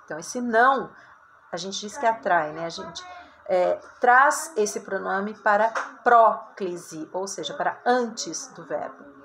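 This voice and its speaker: A Brazilian woman teacher giving a recorded writing lesson, talking straight to her students in a chatty, lively way. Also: medium pitch, slow pace, slight background noise. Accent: Brazilian Portuguese. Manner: chatty, addresses students directly, lots of "tá?" and "ó".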